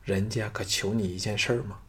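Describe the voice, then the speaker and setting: A man's voice: on the low side, fairly even intonation, fairly quick, fairly bright tone, a little hiss or hum. A man voicing a lovesick young noblewoman who begs and pleads breathlessly. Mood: pleading. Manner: breathless, imploring.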